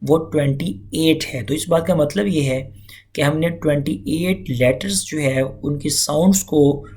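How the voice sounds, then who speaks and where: A man's voice: fairly high pitch, a little mellow. A man teaching a recitation lesson, explaining step by step and repeating key points. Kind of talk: lecture-style lesson.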